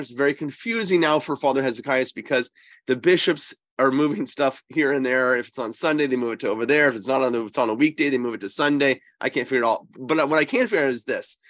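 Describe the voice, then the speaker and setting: A priest with a cold, sounding a little wheezy and congested, gives conversational religious teaching in an emphatic, halting manner as a co-host. His voice is medium-pitched, with no echo on the recording.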